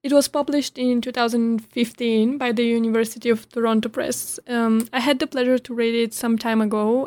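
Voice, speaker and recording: A woman's voice: a little high, a little mellow, no echo, clean studio sound. A woman hosting an academic interview, asking polite, formal questions. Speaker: interview host, anthropologist.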